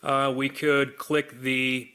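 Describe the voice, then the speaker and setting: A man hosting a software demonstration, walking through it in an upbeat sales manner. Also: mid-range voice, level tone, slow pace, clear, resonant tone. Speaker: software demo host. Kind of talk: product demonstration.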